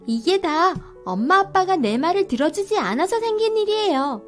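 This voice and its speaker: In storybook voice acting, a woman narrator plays a cheeky young child who has suddenly taken charge. The voice is high, clear, cool, and bossy, sing-song at a normal speed, with soft music faint in the background.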